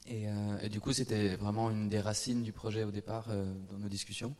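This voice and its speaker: A man's voice: lowish voice, flat delivery, a little fast, a little mellow. A man explains creative work in an informal panel talk, hesitating as he thinks aloud. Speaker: performance creator.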